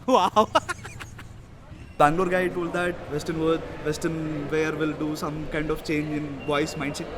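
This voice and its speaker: A man's voice: fairly high pitch, steady tone, slow pace, crowd noise. A man with an Indian accent presenting a street interview show, chatty and talking to passers-by. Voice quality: code-switches between languages. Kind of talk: vox pop presenting to camera. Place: outdoors on a city street. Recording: outdoor street noise, passing traffic.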